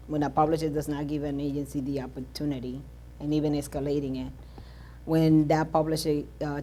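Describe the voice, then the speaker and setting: A woman on a conference panel answering an audience question, animated with restarts. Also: low-pitched.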